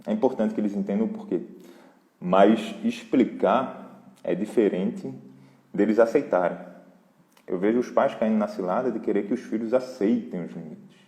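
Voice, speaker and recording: A man with a Brazilian accent, hosting a live parenting Q&A in a relaxed, conversational way and talking straight to his viewers. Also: on the low side, normal speed. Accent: Brazilian Portuguese. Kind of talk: casual live Q&A talk. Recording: roomy hall echo.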